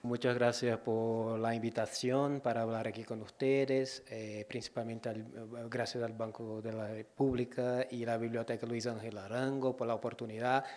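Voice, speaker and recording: A man's voice: medium pitch, flat delivery, normal speed, few pauses, darkish tone. A man in his forties from Brazil, a native Portuguese speaker, gives a conference lecture in a Brazilian-accented mix of Portuguese and Spanish, restarting words hesitantly. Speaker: conference speaker, digital curator. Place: auditorium, indoors. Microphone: gooseneck podium microphone.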